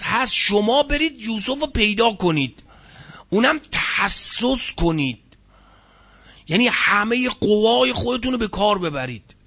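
A man's voice: high voice, gravelly, sharp tone, husky, lo-fi sound. A man giving a religious lecture on Quranic word meanings, explaining each term and asking his listeners rhetorical questions. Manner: explanatory, asks rhetorical questions, stresses key words. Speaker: Quran teacher.

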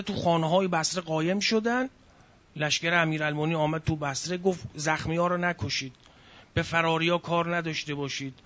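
Male preacher, high voice, bright tone, emotive sermon storytelling, dull lo-fi recording. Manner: emotive storytelling, sighs and cries out.

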